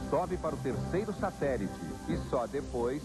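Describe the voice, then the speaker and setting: A man's voice: a little high, expressive, moderate pace, rough recording. A man with a Brazilian accent giving scripted, explanatory news narration as a presenter. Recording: loud music bed under voice. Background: loud music.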